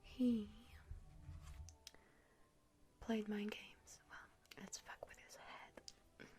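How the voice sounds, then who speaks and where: A woman's voice: medium pitch, flat delivery, takes it slowly, dark tone, lightly acted. A woman whispering as a gleeful young witch, in a whispered role-play. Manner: playfully sinister, giggly, chatty. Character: gleeful young female witch casting hexes. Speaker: ASMR creator.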